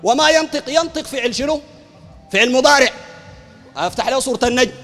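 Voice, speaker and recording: A man with a Sudanese Arabic accent, a preacher arguing emphatically in a heated public debate, often shouting and repeating phrases. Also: extremely high pitch, fast, in a large hall. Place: university hall.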